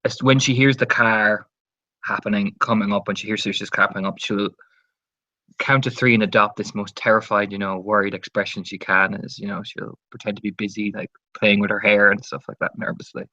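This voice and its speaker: Tabletop player, low voice, dry dull recording. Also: male voice, flat delivery, brisk, pushed and bright, no room sound. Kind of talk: tabletop role-play, describing his character.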